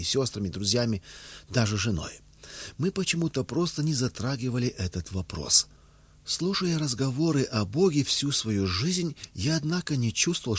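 A man reading a memoir aloud as an audiobook narrator, in a steady, measured way. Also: lowish voice, slightly rough, dry recording.

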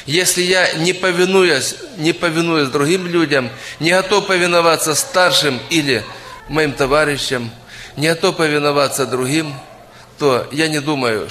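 A man's voice: on the high side, sharp tone. A middle-aged man preaching a sermon, earnestly addressing the congregation as friends. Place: church hall. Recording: long hall reverb.

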